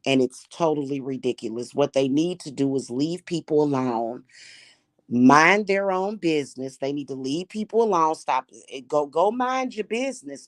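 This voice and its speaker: A spiritual practitioner and channel host from Kansas City, Missouri, talks straight to her viewers in a casual monologue, her fairly low voice carrying a Missouri accent. She comes across blunt, scornful, mocking, and sure of herself. The audio is dry and close, without room echo.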